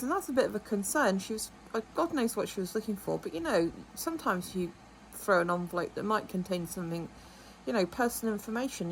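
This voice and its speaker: A middle-aged Englishwoman with a medium-pitched voice tells her vlog audience a story in a casual monologue, rambling and indignant, packed with asides and quoted dialogue. There is slight background noise, and the audio quality is poor.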